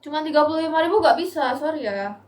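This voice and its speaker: A woman's voice: high voice, lively intonation, fast talker. Tired, chatty young woman live-selling. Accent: Indonesian. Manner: chatty, pleading viewers for likes and gifts. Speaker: live-stream seller. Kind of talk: casual live-selling chat.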